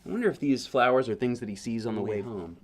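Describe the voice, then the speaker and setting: A fast-talking man with an expressive, mid-range voice reads a picture book aloud as a parent would. The reading is chatty, peppered with casual asides and questions directed at the listener.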